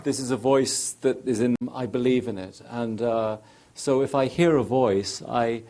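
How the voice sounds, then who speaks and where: A man giving a reflective interview answer, hesitant and full of pauses and fillers. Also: medium pitch, mellow. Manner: hesitant, lots of ums and uhs.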